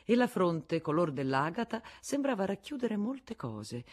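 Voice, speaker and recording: A man narrating a novel as an audiobook, with measured literary reading. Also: high voice, big pitch swings.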